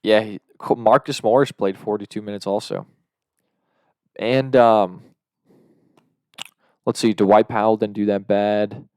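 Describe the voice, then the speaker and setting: A young man co-hosting a podcast, chatting casually about basketball, excitable and swearing freely. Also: on the low side, measured pace, long pauses, no echo, clean studio sound. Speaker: podcast co-host. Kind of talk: casual sports chat.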